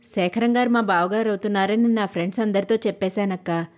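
A woman's voice: medium pitch, steady tone, fast, lightly acted. Hesitant, mumbling young brother, read by a woman narrator, audiobook.

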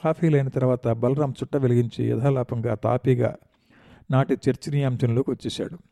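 A man reading a novel aloud as a steady, measured audiobook narrator. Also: mid-range voice, creaky, dry recording.

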